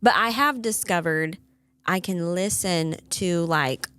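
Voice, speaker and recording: A woman in her thirties chatting on her podcast with a slightly low voice. She talks in a playful, teasing way, quick to poke fun at her co-host. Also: fairly bright tone, clean tone, no room sound. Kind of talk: casual chat.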